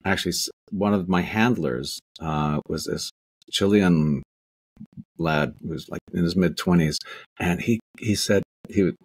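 Here a middle-aged man with a low, husky voice speaks at a measured pace. As an actor guesting on a casual interview chat, he tells wandering stories, restarting often and adding asides, captured by a webcam during a video call.

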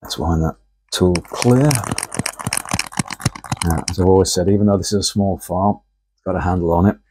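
Here the host's voice sits low and darkish, with fairly even intonation at a normal speed and slight background noise. In a casual demonstration in his indoor home workshop, he walks viewers through each step at his machines while a camera on a tripod records.

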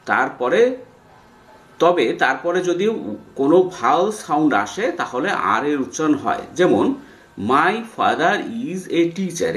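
A man's voice: on the high side, roomy sound. A man teaching English in Bengali, spelling out words letter by letter and repeating them for emphasis. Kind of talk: spoken lesson explaining English words.

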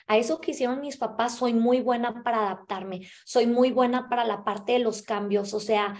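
A young woman with a Mexican Spanish accent tells her personal story straight to a camera in a small indoor room. Her voice sits a little high, and she talks in an animated way. She keeps checking in with her listeners as she goes. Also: normal speed. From US-Mexico border (El Paso, Texas). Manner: animated, gesturing with both hands, many filler tags like "¿verdad?". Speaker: motivational speaker.

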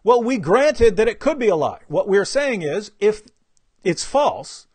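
A man hosting a live online discussion, talking in an animated way, often laughing and mimicking his opponents. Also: sits high, measured pace, husky, no echo. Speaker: host.

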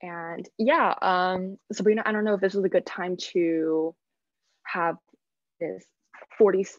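A woman's voice: fairly low pitch, fairly even intonation, unhurried, dry recording. A woman in her twenties presenting a workshop casually and chattily over a video call, with muffled audio. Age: 20s. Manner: informal, chatty.

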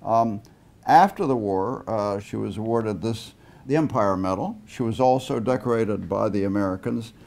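An older man giving a museum interview in a deliberate, matter-of-fact way. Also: lowish voice, creaky, a little mellow. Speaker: museum expert. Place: indoor museum.

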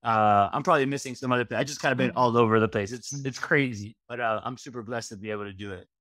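Talking fast in a mid-range voice, a middle-aged guest from Miami, USA, who works as a registered dietitian chats casually in an interview. He's on a video call from a home room with a headset, sounding dry and close with no echo, easygoing and rambling through lists with lots of fillers.

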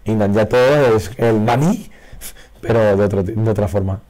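Hoarse man opening card packs. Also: lowish voice, normal speed. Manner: excitable, reacts loudly to pulls. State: hoarse, losing his voice. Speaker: card game video creator. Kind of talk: casual pack-opening commentary. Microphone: faulty broken microphone.

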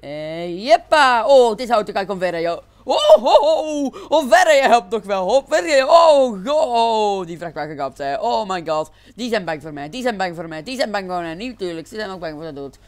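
A man giving excitable let's-play commentary, exclaiming and laughing often. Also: high voice, moderate pace, hardly any pauses, smooth. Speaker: gaming channel host.

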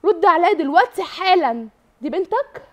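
A woman's voice: very high voice, lively intonation, fairly quick. An Egyptian woman angrily confronting her husband, repeating her questions insistently. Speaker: wife on a TV show. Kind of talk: heated confrontation.

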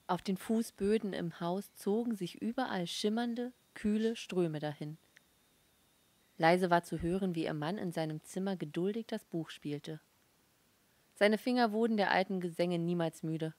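A woman reading a novel aloud as an audiobook, in a calm, measured storytelling voice. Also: fairly low pitch, dry recording. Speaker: audiobook reader. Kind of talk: scripted narration.

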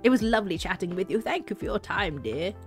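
A woman's voice: mid-range voice, animated, fast, faint music behind, natural voice. A woman voicing a sly, menacing old granny adventurer, for a video game. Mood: fond. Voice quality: sugary, elderly, with a hidden threat.

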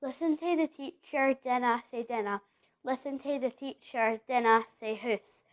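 A woman's voice: on the high side, moderate pace. A woman with a Scottish accent reciting a Scots poem with a rhythmic, lilting delivery and a chanted refrain. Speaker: poetry reciter. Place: music workshop venue, indoors.

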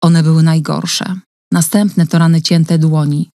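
A woman voicing a gentle, caring woman who speaks softly and calmly in an audiobook reading. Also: low voice, unhurried, no room sound, clean studio sound. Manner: soft, calm, reassuring.

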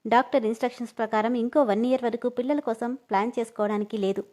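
A talkative sister-in-law comforts and gently scolds in a caring voice, as a woman reads her. She runs on at length in an audio storybook. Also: a little high, fairly even intonation, fast, lightly acted. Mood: consoling.

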